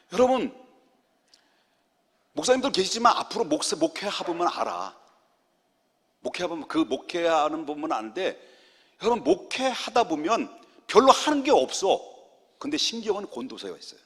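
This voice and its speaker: A middle-aged man, a senior pastor, preaching a lively sermon and joking with his congregation. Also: high voice, moderate pace, pauses often, slightly rough. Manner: animated, jokes with the congregation, acts out quotes. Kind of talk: lively Friday prayer-meeting sermon. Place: church sanctuary. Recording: long church hall reverb.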